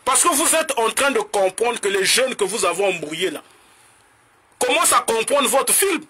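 A man from the Republic of the Congo with a Congolese French accent, delivering a heated political rant to camera in a combative, mocking way and switching languages in rapid bursts. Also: extremely high pitch, big pitch swings, sharp tone, breathy edge. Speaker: political commentator.

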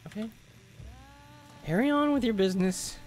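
A man's voice: sits high, expressive, normal speed. A young man streaming a video game live, chatting, laughing and joking with viewers. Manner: chatty, laughing, jokey asides. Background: game music.

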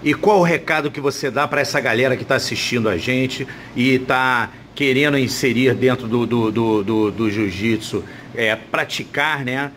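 A man's voice: medium pitch, normal speed, few pauses, fairly bright tone. A Brazilian man asking questions as a casual interviewer, recorded with some noise behind him. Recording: noticeable background noise.

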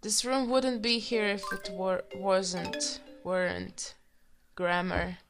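Woman, let's play commentary, hoarse throat, slow drawn-out delivery, faint music underneath. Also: medium pitch. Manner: excitable, giggly, reacts with loud exclamations. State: hoarse, recovering from being sick. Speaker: gaming video host.

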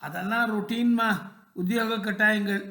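A storyteller voicing a grown son who is a busy official, speaking calmly and reassuringly, recorded with roomy echo. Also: medium pitch, normal speed, natural voice.

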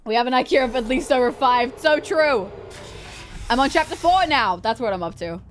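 A woman's voice: high-pitched, expressive, normal speed, a little hiss or hum. A woman livestreaming a game in a cute, bubbly anime-streamer way, chatting casually and repeating phrases to herself.

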